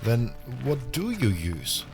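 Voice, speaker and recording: A man playing a newly arrived, wary prison inmate who narrates his own story in a measured audio drama style. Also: mid-range voice, wildly swooping pitch, full character voice. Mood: curious, wary. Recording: music under the voice.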